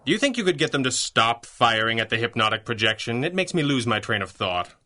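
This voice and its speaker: An actor playing a stern, wry masked crime-fighter, articulate and self-assured, in a 1930s-style radio drama. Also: male voice, medium pitch, sing-song, fairly quick, noisy background, close to an everyday voice. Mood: wry, menacing. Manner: articulate, mocking, righteous.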